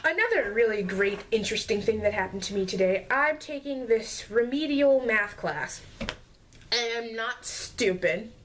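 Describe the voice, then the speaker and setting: Young woman ranting, slightly high voice. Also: expressive, moderate pace, fairly bright tone, a little hiss or hum. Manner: exasperated, sarcastic, mocks classmates in put-on voices. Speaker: vlogger. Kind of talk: casual storytime rant.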